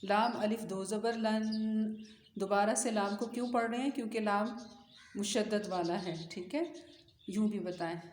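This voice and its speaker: A woman teaching Qur'an reading, spelling out letters in slow, drawn-out drills and explaining the method to other teachers. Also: medium pitch, darkish tone. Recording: echoey room with faint noise.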